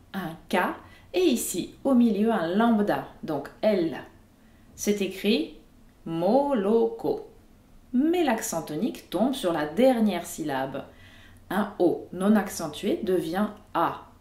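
Woman, language teacher, animated pitch, clear emphatic delivery, echoey recording. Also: slow. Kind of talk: scripted video lesson.

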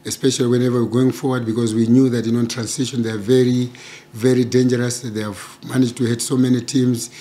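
A middle-aged man, a football coach answering questions at a post-match press conference, speaking in a measured way with many "you know" fillers into table microphones. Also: mid-range voice, flat delivery, warm tone. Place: press conference room with sponsor backdrop. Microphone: table microphones in front.

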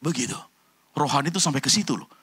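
Bright-voiced pastor preaching. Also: male voice, fast, slightly rough. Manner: animated preaching, swinging between loud high bursts and low quiet passages; addresses the congregation directly, mixing in English phrases. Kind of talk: sermon.

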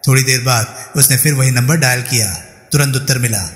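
A man narrating a crime thriller audiobook in a steady storytelling manner. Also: mid-range voice, a little fast. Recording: roomy reverberant room, faint music.

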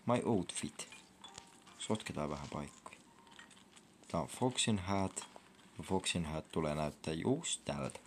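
A man's voice: low-pitched, lively intonation, vocal fry, long pauses, a little hiss or hum. A young man giving casual commentary over his gameplay, chatty and reacting with sudden whoops and squeals. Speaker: gaming vlogger. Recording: faint game music behind.

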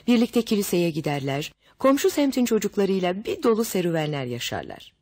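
A woman's voice: fairly low pitch, big pitch swings, a little fast, no room sound, clean studio sound. A woman narrating a children's story summary and speaking directly to listeners. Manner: warm direct address to listeners. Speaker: audiobook narrator.

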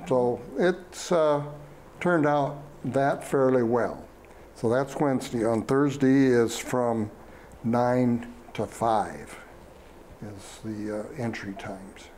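A man, speaking slowly with many fillers and restarts as a fair superintendent in a studio interview. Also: mid-range voice, a little mellow, a little hiss or hum. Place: small TV studio. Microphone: lapel mic.

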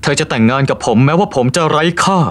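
A man's voice: a little high, lively intonation, fast talker, natural voice. A man playing a bold con-man prince. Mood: defiant. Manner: persistent, challenging, pleading. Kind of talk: dubbed TV drama acting.

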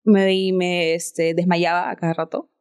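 A woman's voice: fairly low pitch, flat delivery, measured pace, smooth. A woman, a podcast guest telling a personal story in an earnest, reflective way. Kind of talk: casual chat.

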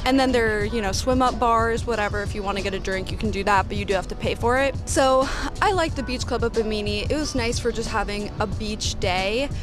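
A woman's voice: fairly high pitch, a little fast, over music. A young woman narrating a casual travel vlog, chatty and candid, with plenty of "like" and "you know". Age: young adult. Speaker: travel vlogger. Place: cabana day bed on a beach, outdoors.

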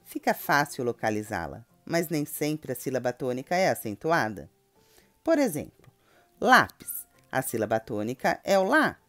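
A Brazilian woman teaching a children's grammar lesson, calling out example words in a drawn-out, sing-song voice. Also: sits low, no room sound. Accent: Brazilian Portuguese.

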